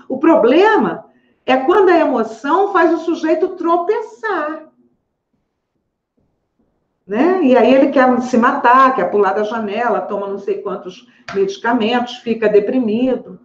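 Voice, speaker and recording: A woman psychologist talking to camera in her office, animated and chatty, often tagging on questions. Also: high-pitched, a little slow. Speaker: psychologist, channel host. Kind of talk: casual educational talk to camera. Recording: echoey room, slightly dull audio.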